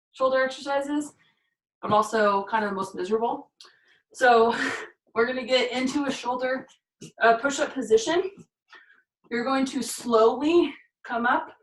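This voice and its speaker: A fitness instructor with a somewhat high voice runs an exercise demonstration, describing each move and counting reps as she performs it, slightly out of breath. A distant camera mic picks her up in an echoey room.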